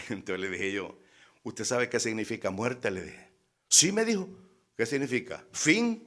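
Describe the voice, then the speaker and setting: A man's voice: lowish voice, sing-song, measured pace, fairly bright tone. A man preaching, telling a story and acting out both sides of a conversation with teasing emphasis. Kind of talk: sermon.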